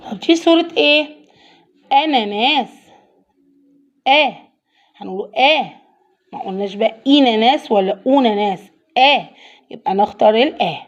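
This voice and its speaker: A woman's voice: fairly high pitch, dull audio. A woman with an Egyptian Arabic accent teaching young children to read, patiently sounding out letters and praising them. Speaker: primary school teacher. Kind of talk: children's reading lesson.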